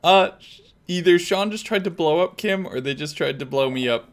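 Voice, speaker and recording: A man's voice: fairly high pitch, fairly quick. A man hosting a gaming video, mixing narration with casual chat among players.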